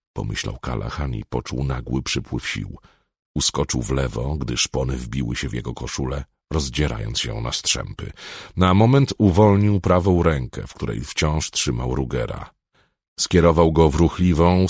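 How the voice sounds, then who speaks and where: A man's voice: rumbling low, slightly rough, no room sound, studio quality. A man reading an audiobook aloud in a dramatic style, swelling on tense moments. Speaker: audiobook narrator. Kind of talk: scripted audiobook narration.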